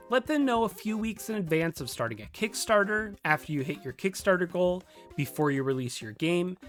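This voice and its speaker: A video host and game developer presents a scripted tutorial, speaking directly and conversationally with casual asides. His mid-range voice has a fairly bright tone. Background music plays behind him.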